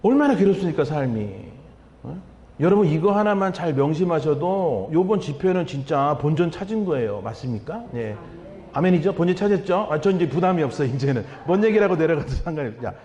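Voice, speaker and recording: A man pastor preaching at a revival meeting, animated, asking the congregation questions and repeating key words. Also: fairly high pitch, fairly quick. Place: church sanctuary. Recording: dull sound with long hall reverb.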